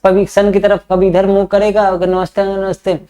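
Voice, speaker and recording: A male teacher gives an English lesson in Hindi, reading English lines slowly before explaining them in chatty Hindi. He adds fatherly, scolding asides to his students, and his high-pitched voice is mellow and monotone.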